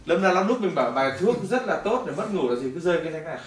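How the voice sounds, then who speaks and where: Fast-talking male preacher in echoey hall. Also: a little high, crowd noise. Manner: animated storytelling, swinging between loud and hushed. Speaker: preacher giving testimony. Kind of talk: testimony sermon. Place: church hall. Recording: echoey hall, mic at a distance.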